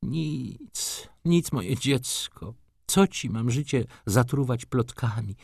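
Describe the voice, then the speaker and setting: A man's voice: medium pitch, expressive, slow, gravelly, darkish tone, husky, no room sound, clean studio sound, voice pushed up, full character voice. A man voicing an elderly, anxious, pious mother in an audiobook reading, fretful and pleading.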